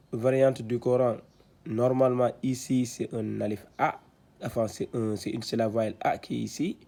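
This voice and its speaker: A man teaching Quran reading in a slow step-by-step lesson, sounding out syllables and often restarting his sentences. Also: lowish voice, gravelly, mellow. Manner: hesitant, many restarts and fillers, repeats syllables slowly.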